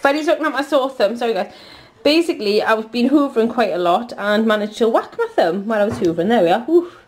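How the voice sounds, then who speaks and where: Chatty Geordie mum, slightly high. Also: female voice, animated, quick pace, a little mellow. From North East England. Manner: chatty, rambling with fillers. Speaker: vlogger, mother. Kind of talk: casual family vlog. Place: family home, indoors.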